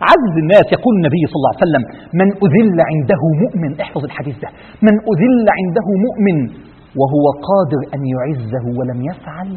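A man with an Egyptian accent preaching a sermon, rousing, firing rhetorical questions and dropping from loud to hushed. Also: fairly high pitch, big pitch swings, racing, slightly rough, long reverb tail, narrow, tinny audio. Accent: Egyptian Arabic.

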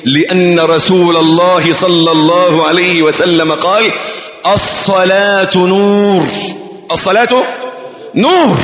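Man, Egyptian accent, preacher, dramatic sermon, shouts then hushed asides, dull roomy recording. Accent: Egyptian Arabic. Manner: dramatic, swings between shouted exclamations and quiet low asides; asks the listener questions and answers them himself. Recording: echoey hall, dull lo-fi sound.

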